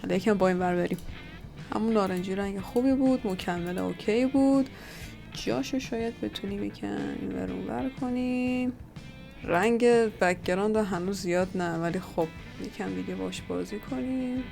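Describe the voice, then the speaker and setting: A woman's voice: mid-range voice, creaky, a little mellow, soft background music. Woman host, casual work-along commentary, muttering, thinking aloud. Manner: muttering to herself, trying things out. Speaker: 3D artist and channel host.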